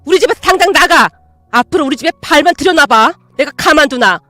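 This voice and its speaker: A woman's voice: sits high, lively intonation, fairly quick, no room sound, soft background music. A woman doing a furious scolding mother. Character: angry middle-aged mother, shouting scolding.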